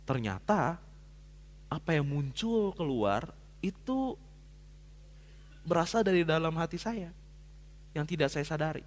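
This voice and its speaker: A male pastor preaches in a church hall, his fairly high voice rising and falling with animated swings. He tells a story in casual slang, now hushed, now loud, and long reverb trails each phrase. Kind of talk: sermon.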